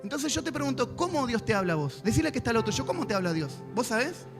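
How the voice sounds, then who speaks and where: A man preaches a church sermon in a strikingly high voice. He talks straight to the congregation and acts out little prayers and answers along the way. Music plays clearly underneath him. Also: very animated, quick pace. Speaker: pastor. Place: church service.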